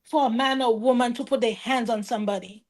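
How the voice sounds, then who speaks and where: A woman with a slightly high-pitched voice, speaking on a roundtable panel. She talks emphatically and defiantly, pressing each point home. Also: steady tone, fairly quick. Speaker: panelist, domestic violence survivor. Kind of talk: roundtable discussion. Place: live stream panel.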